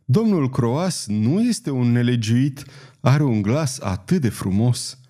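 A man reading an audiobook, voicing a bashful old maid who speaks gently. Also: mid-range voice, lively intonation, natural voice. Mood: gentle. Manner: gentle, soft-spoken.

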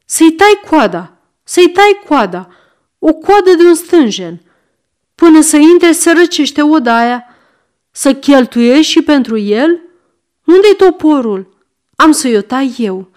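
A woman's voice: on the high side, lively intonation, natural voice. A woman voicing a sick old male miser, querulous and snapping commands. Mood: frantic.

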